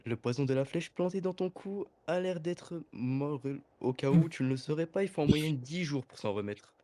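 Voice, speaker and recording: A man's voice: on the high side, lively intonation, moderate pace, dark tone, no room sound, natural voice. A man voicing an anime dub of a composed, menacing villain, speaking formally and theatrically. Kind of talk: French anime dub parody, scripted villain monologue.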